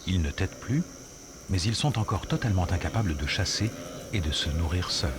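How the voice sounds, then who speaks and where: A man reading scripted nature documentary narration in a measured, explanatory storytelling manner. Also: sits low, expressive, background noise. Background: music under the voice.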